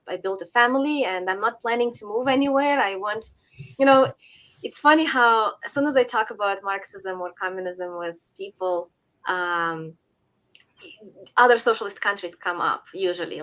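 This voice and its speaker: A woman's voice: mid-range voice, fairly bright tone. A woman from Ukraine, talking frankly as a podcast guest and laughing between points. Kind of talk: casual podcast talk.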